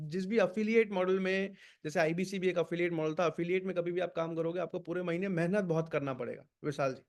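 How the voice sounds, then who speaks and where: A man leading an online sales training session, energetic and urging, switching between Hindi and English words. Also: high-pitched.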